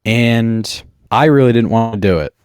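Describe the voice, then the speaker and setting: A man's voice: medium pitch, expressive, moderate pace, darkish tone, smooth, no echo, studio quality. A young man telling casual, rambling, self-deprecating childhood stories to his viewers. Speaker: vlogger. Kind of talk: casual storytelling monologue.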